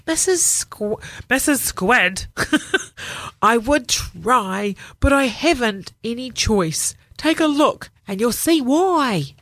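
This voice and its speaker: A woman voicing a glum, gloomy male fish who mopes through a slow, sing-song refrain. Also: fairly high pitch, expressive, fairly bright tone, no echo, voice pushed up, exaggerated voice.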